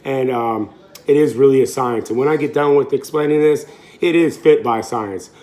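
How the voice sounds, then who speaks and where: A fitness coach in his late thirties chats casually in a home cooking vlog, rambling, correcting himself and laughing easily. His voice is medium-pitched and darkish, at normal speed.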